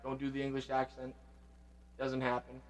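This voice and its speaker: A man hosting a vlog, reminiscing casually and reflectively, often trailing off quietly. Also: medium pitch, monotone, normal speed, long reverb tail. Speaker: vlog host paying tribute to his father. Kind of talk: casual spoken reminiscing between songs.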